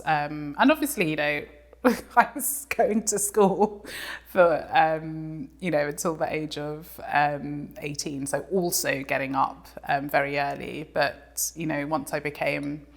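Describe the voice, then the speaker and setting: A woman, a composer talking reflectively as an interview guest, with many ums and restarts. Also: low-pitched. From England. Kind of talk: casual interview conversation.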